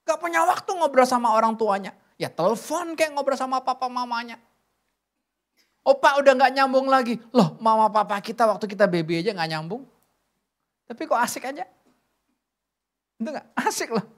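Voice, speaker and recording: A woman's voice: on the high side, lively intonation, normal speed, pauses often. A middle-aged woman preaching a sermon at a church service, chatty and joking, with many rhetorical questions.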